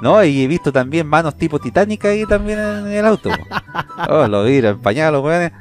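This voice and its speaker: A man's voice: fairly high pitch, lively intonation, moderate pace, faint music behind. A man with a Chilean accent, co-hosting a podcast, reading odd news items and joking about them in casual slang. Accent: Chilean Spanish. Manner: reads news items, then jokes in slang. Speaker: podcast co-host. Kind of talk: casual comedic chat.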